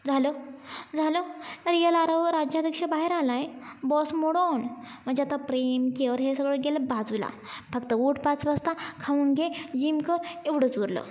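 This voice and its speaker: A woman's voice: high voice, normal speed, warm tone, lightly acted. A woman voicing a shy, playful young woman who teases and pouts at her partner. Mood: pouting, playful. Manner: teasing, coy, pouting.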